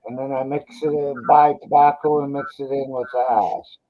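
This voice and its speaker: A man's voice: mid-range voice, steady tone, moderate pace, a little hiss or hum. A man chatting casually in a blunt, rambling, salty way. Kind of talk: casual chat. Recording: dull lo-fi audio.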